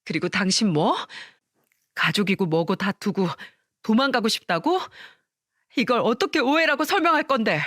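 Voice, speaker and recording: A woman voicing a betrayed wife who shouts bitter accusations in a dramatized story reading. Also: fairly high pitch, expressive, normal speed, no room sound, studio quality. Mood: furious. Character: betrayed wife, furious and sobbing.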